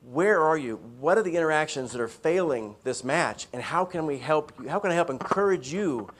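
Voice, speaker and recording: A man's voice: on the high side, lively intonation, brisk. A man presenting a mentoring workshop, talking conversationally to a live audience and often checking in with "right?".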